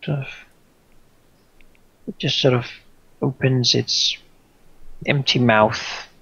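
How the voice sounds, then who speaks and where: Slow, creaky-voiced male game master. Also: mid-range voice, steady tone, pushed and bright, no echo, muffled recording. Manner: halting, searching descriptions. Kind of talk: improvised tabletop game narration.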